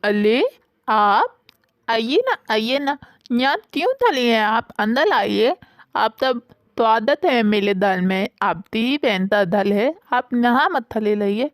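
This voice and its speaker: A woman's voice: on the high side, lively intonation, takes it slowly, no echo, clean studio sound. A woman voicing a lisping young woman with a childlike, hurt manner in a storybook tale. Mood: fussy welcoming. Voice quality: childlike lisp.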